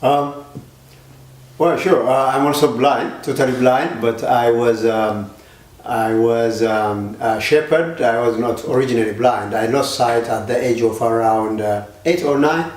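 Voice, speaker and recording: A man's voice: mid-range voice, unhurried, a little mellow. A man from Ethiopia, a panel guest, speaking English hesitantly, often stopping and repeating words. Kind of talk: casual panel conversation. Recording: echoey room.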